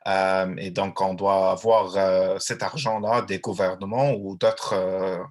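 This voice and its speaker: A man answering questions informally, explaining step by step in a halting way with repeated phrases. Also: low-pitched, fairly even intonation.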